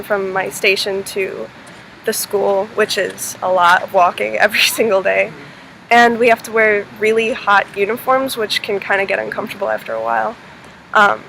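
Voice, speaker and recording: A sixteen-year-old girl from North Carolina, USA, vlogs casually as an exchange student, easygoing and giggly with lots of fillers. Her medium-pitched voice is creaky and fairly bright, on a rough recording with slight background noise.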